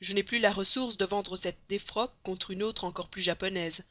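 A woman voicing a resourceful young male French manservant in a storybook reading, wry and lively, on a slightly dull, dry recording. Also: mid-range voice, moderate pace, no echo, natural voice.

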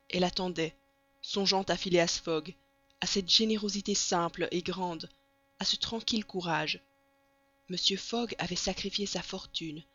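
An audiobook narrator reading a classic novel in an even, steady storytelling manner. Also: medium pitch. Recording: dull lo-fi recording.

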